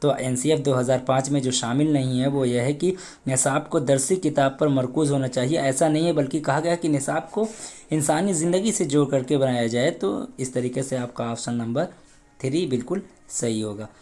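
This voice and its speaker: A man leads an exam preparation lesson, working through each question and its options. His voice is warm and mellow at an average pitch, and he explains patiently, glossing terms and repeating key phrases. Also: normal speed. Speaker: exam prep teacher.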